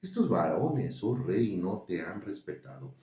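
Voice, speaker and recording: Scheming courtiers read by a man, flattering yet accusing; low, mellow, far from the mic. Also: a little slow. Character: scheming male royal accusers, envious. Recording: dull, roomy, distant recording.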